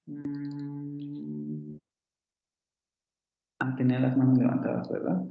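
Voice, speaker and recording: A male professor giving an online phonetics class, explaining at length and repeating example words slowly. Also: a little high, little pitch movement, creaky, heavy reverb, muffled recording.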